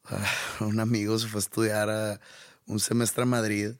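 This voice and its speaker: A man's voice: lowish voice, completely flat delivery, normal speed, dry recording, studio quality. A man with a northern Mexican accent, chatting casually and playfully. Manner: laid-back, playful, mimics accents. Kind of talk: casual chat.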